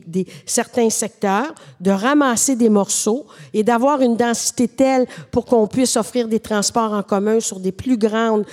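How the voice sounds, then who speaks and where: A middle-aged woman with a Québécois French accent, explaining urban planning in a measured, professorial way as a podcast guest. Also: on the high side, a little mellow, big-room sound. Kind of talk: podcast conversation.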